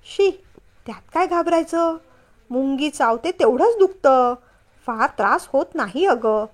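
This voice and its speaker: A woman's voice: high-pitched, animated, measured pace. Woman voicing a stern scolding young husband. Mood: pleading. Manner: scolding, firm, louder.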